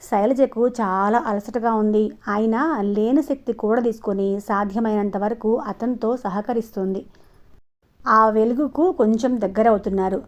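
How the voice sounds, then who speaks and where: A woman reading a romantic novel aloud as an audiobook narrator. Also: medium pitch. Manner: reads dialogue of both lovers in a lightly heightened tone. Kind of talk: novel reading with voiced dialogue. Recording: dull lo-fi sound.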